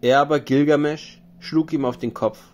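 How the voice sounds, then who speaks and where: A man narrating an ancient epic as an audiobook, in a measured, solemn reading. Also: a little high, fairly even intonation, a little mellow, highs cut off.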